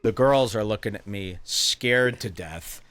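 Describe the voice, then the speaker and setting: A man's voice: on the low side, measured pace, fairly bright tone, no echo. A man hosting a podcast, telling a comedic story in an exaggerated, indignant way. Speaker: podcast host.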